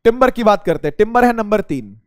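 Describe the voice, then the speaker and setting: A man with a rather high voice explains physics to students in a relaxed, conversational way, often asking a question and then answering it himself. His throat sounds a little strained. The recording is close and dry, with no room echo. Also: quick pace. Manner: addresses students as beta, asks and answers his own questions. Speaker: teacher. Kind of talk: casual spoken physics lesson.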